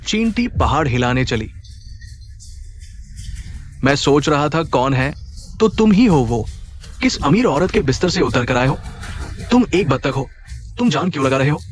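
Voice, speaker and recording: A man's voice: mid-range voice, close to an everyday voice. An actor playing a greedy, scheming uncle who mocks and threatens his niece, in a dubbed drama. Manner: mocking, contemptuous. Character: sneering greedy middle-aged uncle villain. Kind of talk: Hindi-dubbed drama acting.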